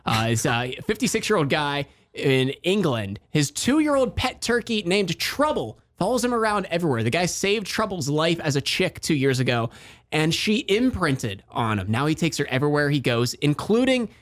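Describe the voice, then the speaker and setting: Animated male radio morning host. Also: fairly high pitch, moderate pace. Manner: animated, chatty, laughs often. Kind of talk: radio morning show chat.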